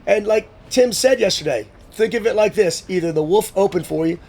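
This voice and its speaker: A man telling stories in a casual sit-down conversation, animated and profane, acting out what others said. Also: high voice, brisk, creaky. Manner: swearing, animated storyteller who acts out quotes. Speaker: guest, motivational speaker.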